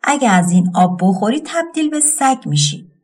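A woman's voice: on the high side, expressive, a little mellow. A woman voicing a young girl in a folk tale who anxiously warns and pleads with her brother. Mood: warning.

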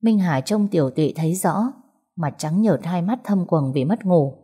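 A woman reads a dramatic story aloud with a steady, even delivery. Her voice sits low and sounds mellow and soft-edged. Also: moderate pace, husky. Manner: steady reading, voicing every character herself. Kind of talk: scripted story narration.

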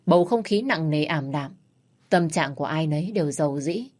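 A woman narrating a scripted story in a calm, even manner. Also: low voice, moderate pace.

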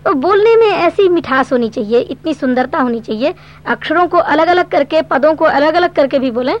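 High-voiced woman teaching Sanskrit, lo-fi. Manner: patient, explains step by step, recites verse slowly. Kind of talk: explanatory grammar lesson. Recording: dull lo-fi recording.

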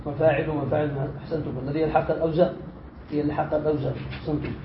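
A man's voice: a little high, level tone, rapid-fire. Male teacher quizzing students in an echoey room. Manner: quizzes students, repeats their answers, then reads and explains with rising force. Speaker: teacher of grammar. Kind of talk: classroom lesson with questions to students. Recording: roomy, dull lo-fi lecture recording with faint hiss.

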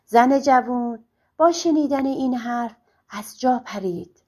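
A woman narrating folk tales for an audiobook in a calm, measured way. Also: on the high side. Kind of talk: scripted storybook narration.

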